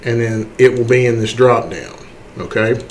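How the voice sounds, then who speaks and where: A tutorial host with a medium-pitched voice gives an unscripted software tutorial, moving halting and step by step and often checking in with a questioning "okay." There is slight background noise.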